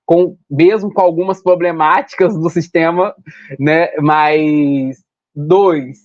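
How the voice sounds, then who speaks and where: A young man from Rio de Janeiro state, Brazil, hosts a casual podcast chat in a slightly high, steady voice at a slow pace. He talks in a chatty, rambling way, often correcting himself and running through long lists. The recording is dry, with a dull lo-fi sound.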